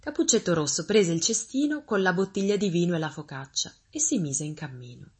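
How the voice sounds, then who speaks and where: A woman reading a fairy tale aloud as a storyteller, expressive and gently paced. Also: on the low side, a little fast, breathy edge.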